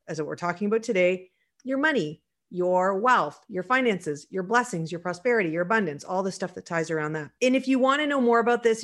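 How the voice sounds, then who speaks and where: A woman with a fairly low voice co-hosts a podcast in relaxed, chatty talk. She is animated and at times mimics a panicked listener before dropping into quiet asides. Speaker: podcast co-host. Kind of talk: casual podcast chat.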